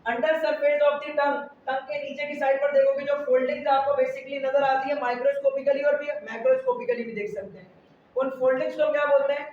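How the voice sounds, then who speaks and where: A man teaches biology in a classroom and keeps firing questions back at his students. His fairly high voice sounds dull and lo-fi. It is picked up from a distance in a very echoey room, with faint noise underneath. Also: level tone, a little fast. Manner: quizzes students with repeated questions. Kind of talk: classroom lecture. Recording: echoey lo-fi room recording from afar.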